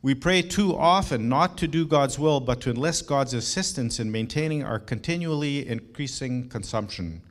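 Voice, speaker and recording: A middle-aged man delivers a sermon with earnest, emphatic conviction. He leans on rhetorical questions and turns to the congregation with warm personal asides. His voice sits at an ordinary middle pitch for a man. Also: normal speed, few pauses. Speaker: pastor.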